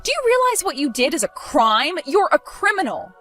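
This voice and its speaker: A woman's voice: high voice, sing-song, normal speed, fairly bright tone, soft background music. A woman voicing a protective young mother in a dramatized story, accusing and sarcastic.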